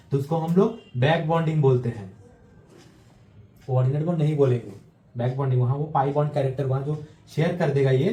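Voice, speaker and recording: A male chemistry teacher giving a classroom lecture, explaining step by step and dictating notes slowly word by word, checking in with students as he goes. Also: a little high, warm tone, reverberant, rough recording.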